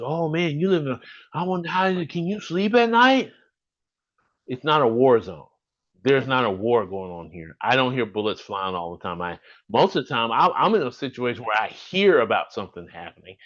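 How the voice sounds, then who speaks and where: A man's voice: lowish voice, a bit bright, lo-fi sound. A man in his fifties from Alabama with a Southern accent, talking earnestly and rambling a little as a podcast host over a video call. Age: 50s. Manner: earnest, rambling, restarts sentences.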